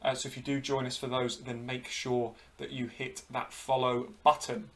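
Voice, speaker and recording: A man's voice: medium pitch, flat delivery, normal speed. A man co-hosting a football podcast, chatting casually and talking to the viewers. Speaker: podcast co-host. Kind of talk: casual chat.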